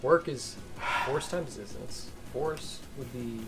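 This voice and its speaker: A man's voice: mid-range voice, takes it slowly, vocal fry, loud music behind the voice. A young man chatting casually over drinks, patiently explaining things step by step. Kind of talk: casual chat while drinking.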